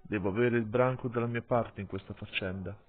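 A man voicing a stern, weary male wolf pack leader who speaks gravely and gives orders, in an audiobook with tinny sound. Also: fairly low pitch, steady tone, a little fast, close to an everyday voice. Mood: resolute. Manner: grave, commanding.

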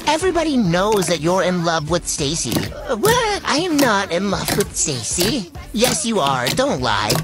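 A woman's voice: medium pitch, wildly swooping pitch, unhurried, few pauses, music in the background, pitched below the performer's own voice. Woman putting on a teen girl's shaky grandma voice. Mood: whiny. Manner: quavering put-on old-lady voice. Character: teen girl with an old grandma voice. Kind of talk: acted POV skit.

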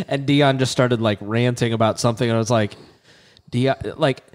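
A man's voice: mid-range voice, normal speed. A man co-hosting a podcast on a living-room couch, joking easily and asking questions into a handheld mic. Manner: easygoing, joking, asks questions. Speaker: podcast co-host. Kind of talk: casual chat. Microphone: handheld mic with headphones.

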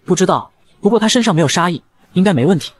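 A blunt, snarky guide system that talks in the hero's head, voiced by a man narrating a manga recap. The voice is quick and fairly high, recorded close and dry. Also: expressive. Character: snarky male guide system, a talking program.

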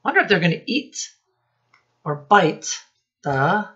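With a fairly low, fairly bright voice that swings widely in pitch, a middle-aged woman leads a read-aloud picture book lesson for little kids. She reads and teaches at a very slow pace, prompting the children with questions and lingering on key words. The audio comes from a slightly muffled home webcam in a small room, giving it a dull, lo-fi quality.

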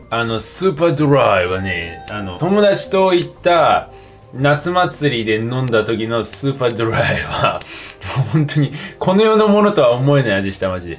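A tipsy young man chatting casually and rambling in slangy speech as he livestreams a game over drinks. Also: mid-range voice. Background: game music.

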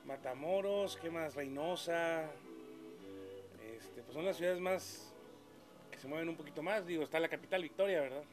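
A man's voice: fairly high pitch, moderate pace, music in the background. A man from Mexico, a vlogger, chatting casually and agreeing with short replies. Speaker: vlogger, interviewer. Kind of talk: casual chat.

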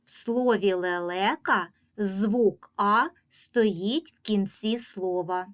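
Speaking at a medium pitch, a Ukrainian-accented woman guides small children through reading. Her instructions come patiently and at a clear pace, and she stretches every example word out slowly.

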